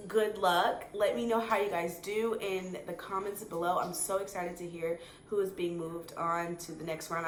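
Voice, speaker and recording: A woman vlogger giving casual advice straight to camera, chatty and repetitive, with lots of fillers. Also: on the low side. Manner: chatty, repeats words, many fillers. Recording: echoey room, faint noise.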